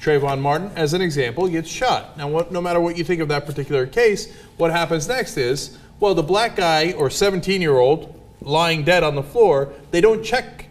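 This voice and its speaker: A man hosting an opinionated panel talk. His voice sits a little high for a man, and he drives his points home with punchy emphasis and rhetorical questions. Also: moderate pace. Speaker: host.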